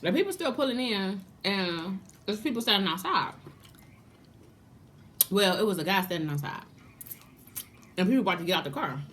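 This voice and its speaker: A woman's voice: on the low side, expressive, moderate pace, pauses often, fairly bright tone, a little hiss or hum. A woman chatting casually to viewers in a mukbang vlog, talking between bites of crunchy fried chicken. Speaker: mukbang vlogger.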